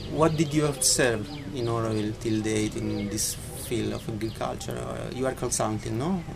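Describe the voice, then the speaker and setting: A man's voice: medium pitch, fairly even intonation, normal speed, vocal fry. A man interviewing, asking hesitant questions with many uhs.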